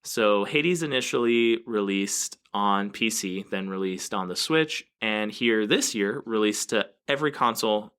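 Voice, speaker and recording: A man's voice: lowish voice, unhurried, hardly any pauses, fairly bright tone, clear, resonant tone. A man co-hosting a gaming podcast in casual chat, joking and laughing often. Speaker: podcast co-host.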